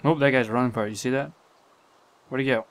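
A young man commenting live on his gameplay, talking to himself and getting excited. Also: medium pitch, fast. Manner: excitable, talks to himself, swears and laughs.

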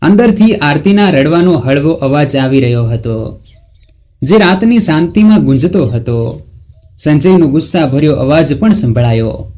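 A man narrating a scripted story in a slow, dramatic reading. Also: fairly high pitch, expressive, mellow.

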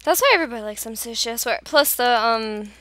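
Brief: woman host of a gaming channel, exasperated and teasing, slightly high, smooth voice. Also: animated, quick pace, dry recording. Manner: exasperated, teasing, sudden loud outbursts. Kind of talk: casual gaming chat.

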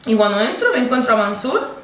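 A young woman vlogger with a Canarian Spanish accent retells a personal story to camera, emotional, repetitive and conversational. Her fairly high voice is sing-song, fairly quick and a bit bright. The recording is roomy, picked up from a distance, set back from the mic.

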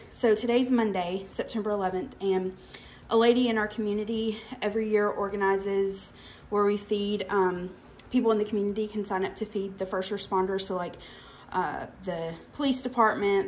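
A young woman with a mid-range voice hosts her own cooking channel, chatting through a grocery haul in her home kitchen. She's chatty and rambling, full of fillers and asides, and the audio is poor with slight background noise.

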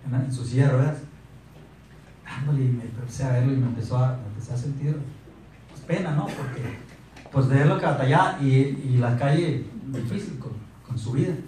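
A man in his thirties with a Mexican accent delivers an animated, motivational sales talk on a handheld mic in a meeting room before a projector screen, asking the audience questions. His voice is medium-pitched. The recording is taken from a distance in an echoey room, with slight background noise.

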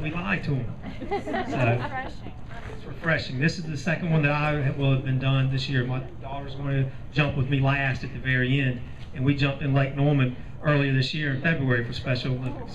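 A middle-aged man hosting a live outdoor event, speaking off the cuff with teasing, jovial banter into a PA microphone. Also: a little high. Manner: jovial, teasing crowd-working. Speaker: event host, announcer. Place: outdoors in a parking lot by a pool. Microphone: handheld PA microphone, picked up by a distant camera. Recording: distant lo-fi PA sound, crowd noise. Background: loud crowd.

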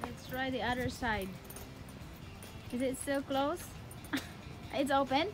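A woman's voice: sits high, steady tone. A woman chatting and giggling while filming a tour of a railroad museum and train yard on a handheld phone. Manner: giggly, playful, quick exclamations. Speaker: vlog co-host filming the tour. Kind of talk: casual chat while touring. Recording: background music under the voice.

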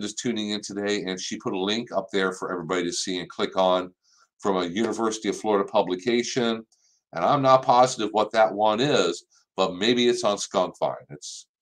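An older man with a slightly low voice talks through gardening questions on a live stream. His delivery is relaxed and conversational, plain practical advice with the occasional um. He speaks into a desk webcam in his office. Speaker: extension horticulture host. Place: office with framed certificates on the wall.

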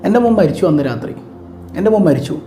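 A man with a Malabar Malayalam accent voicing a grieving mother in a retold story, in a hushed, sorrowful way. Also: fairly high pitch, very animated, fast, roomy sound, faint music behind, pitched below the performer's own voice. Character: grieving mother whose son died.

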